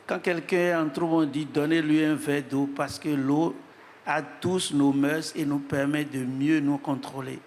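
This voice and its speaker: A man speaking as a panelist in measured, solemn remarks, pausing for his interpreter. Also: on the high side, fairly even intonation, darkish tone. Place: large hall at an event. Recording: reverberant hall, faint noise.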